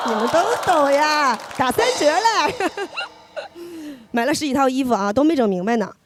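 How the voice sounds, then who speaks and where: A woman's voice: fairly high pitch, slight background noise. A woman performing a stand-up comedy set on stage, with a chatty, teasing, punchline-driven delivery. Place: stage before a live audience. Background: audience laughter.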